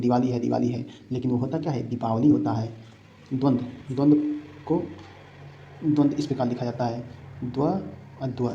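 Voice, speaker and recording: A man's voice: medium pitch, dark tone, lo-fi sound, slight background noise. A male teacher giving a Hindi spelling lesson for exam prep, who repeats each word and keeps asking his students rhetorical questions. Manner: repeats words and asks the class rhetorical questions.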